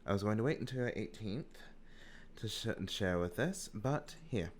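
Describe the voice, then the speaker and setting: A man voicing a woman mentor in a tabletop game who speaks in a measured, apologetic way, barely changing his own voice. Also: on the low side, lively intonation, slight background noise, close to an everyday voice. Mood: earnest. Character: remorseful woman mentor figure.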